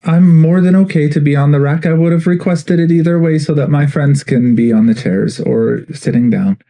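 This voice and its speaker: A man's voice: a little high, normal speed, dark tone, close to an everyday voice. A man playing a cheerful, courteous prisoner. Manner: polite, sing-songy, upbeat.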